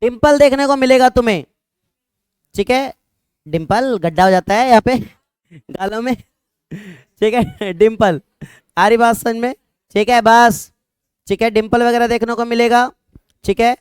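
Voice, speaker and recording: A man's voice: very high voice, unhurried, long pauses, smooth, no room sound. A young man teaching a classroom of students, talking casually, joking with them and checking often that they follow. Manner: conversational, repeats "ठीक है" often, jokes with students. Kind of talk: classroom lecture.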